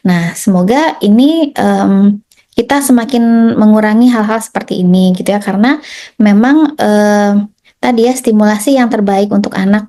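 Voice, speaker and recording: A woman pediatrician gives a relaxed health talk to parents. Her voice is mellow and warm, sitting a little high. She chats along, tags her sentences and slips into little acted-out quotes. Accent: Indonesian. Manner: chatty, repeats tag "ya" and "gitu", acts out quotes.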